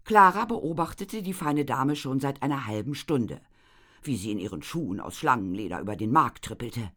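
Male storyteller, audiobook, bright ringing voice, very animated pitch, vivid character reading. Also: normal speed. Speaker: audiobook narrator.

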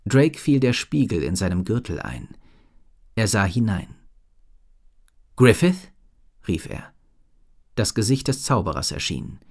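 A man narrating a storybook in a slow, expressive reading. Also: on the low side.

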